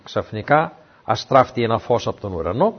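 A man giving a Bible teaching talk, a lively storyteller who asks his listeners questions. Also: medium pitch, breathy edge. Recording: dull, muffled lo-fi recording.

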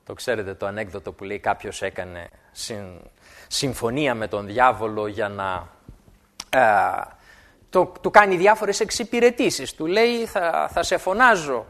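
A man preaching a sermon, animated and repeating words for emphasis. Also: lowish voice.

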